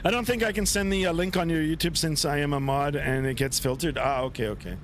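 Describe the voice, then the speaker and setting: A man with a slightly raised voice chats easily with his viewers as he flies a simulator. His talk is loose and friendly, full of asides. There is clear background noise from his setup. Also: fairly high pitch, quick pace. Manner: chatty, talks to viewers between radio calls. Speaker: flight sim streamer. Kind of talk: casual livestream chat.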